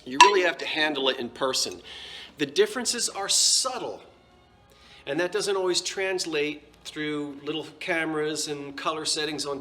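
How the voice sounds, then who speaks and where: In a casual show-and-tell vlog, a New Jersey-accented antiques seller describes his antique dishes, chatting and self-correcting as he goes. His voice runs on the high side, pushed and bright.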